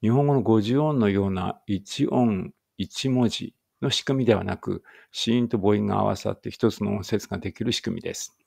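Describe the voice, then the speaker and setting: A man reading a language lesson aloud slowly and carefully, with muttered asides to himself. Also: fairly low pitch, vocal fry, a little mellow, husky.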